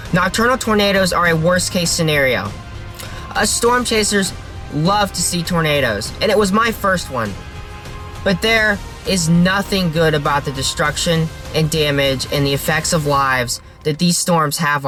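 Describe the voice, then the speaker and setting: A man's voice: on the high side, bright, forceful tone. A man narrating a storm-chasing vlog in an earnest, solemn manner, in the style of a scripted voice-over. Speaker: storm chaser, video host.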